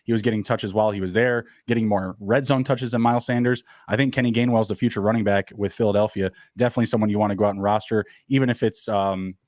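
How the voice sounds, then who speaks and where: A man co-hosting a casual fantasy football podcast, rattling off stats quickly with plenty of fillers. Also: lowish voice, steady tone, a little mellow, no echo, clean studio sound. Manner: quick, upbeat, stat-heavy talk with fillers. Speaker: podcast co-host.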